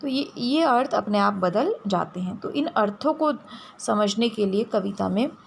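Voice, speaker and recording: Gravelly-voiced woman teaching a lesson. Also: medium pitch, expressive, unhurried, a little hiss or hum. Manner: explains step by step, asks and answers her own questions. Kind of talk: classroom lecture.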